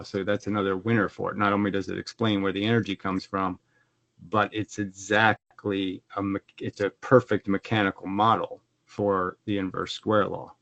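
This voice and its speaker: A man on a video call explaining his own physics model in casual speech, often restarting his sentences and growing animated when challenged. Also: lowish voice, dry recording. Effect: heard over a video call. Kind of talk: conversational explaining. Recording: dull, dry video call audio.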